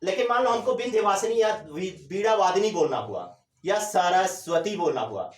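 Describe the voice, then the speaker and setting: A male teacher giving a classroom lecture, asking questions and answering them himself, drawing out words slowly to demonstrate. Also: sits high, very animated, recorded from a distance. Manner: drawls syllables slowly to demonstrate. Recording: echoey room.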